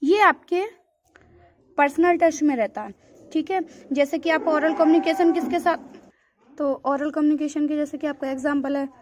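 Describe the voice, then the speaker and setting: A woman's voice: high-pitched, normal speed, a little hiss or hum. A woman teacher giving a classroom lecture in Hindi, mixing in terms and calling her students "beta". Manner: mixes English terms into Hindi, calls students beta, repeats "theek hai". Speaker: school teacher. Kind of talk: classroom lecture explaining from a textbook.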